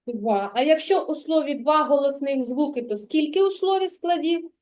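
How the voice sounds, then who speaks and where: A woman's voice: high voice, moderate pace, a little mellow, a little hiss or hum. A woman teacher guiding a young child through a literacy lesson, patient and encouraging, praising often. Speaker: kindergarten teacher.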